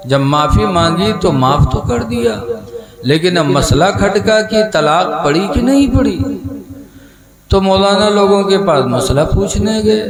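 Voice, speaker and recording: A male preacher with tells a folksy story sermon, drifting into sing-song recitation. His voice sits high and moves slowly. An echoey room carries music behind him. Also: animated. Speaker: mufti, preacher.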